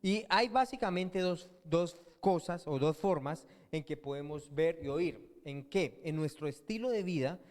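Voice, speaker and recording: A man's voice: fairly high pitch, expressive, a little slow, hardly any pauses, a little mellow. A man preaching a sermon as pastor, often asking his congregation questions and answering them himself. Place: church hall. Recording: long church-hall reverb.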